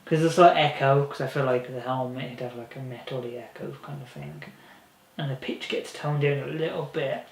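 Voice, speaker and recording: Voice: mid-range voice, fairly even intonation, normal speed. Chatty fan film actor in an echoey room. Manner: chatty, rambling, laughs often. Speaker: fan film cast member. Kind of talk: casual behind-the-scenes chat. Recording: echoey room with faint noise.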